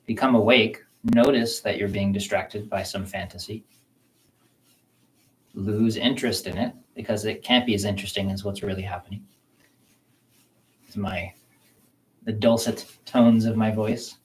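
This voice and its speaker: A man with a fairly low voice leads a qigong self-massage session. He speaks slowly and gently, calmly guiding the listener's attention through the practice. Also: rough recording. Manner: slow, calm, gentle guiding talk. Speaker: qigong teacher. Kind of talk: guided self-massage instruction.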